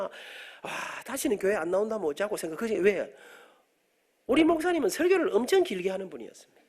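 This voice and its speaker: Lively fast-talking middle-aged preacher. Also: male voice, extremely high pitch. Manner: animated storyteller, jokes with the congregation. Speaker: guest preacher, professor. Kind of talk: storytelling sermon. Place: church sanctuary.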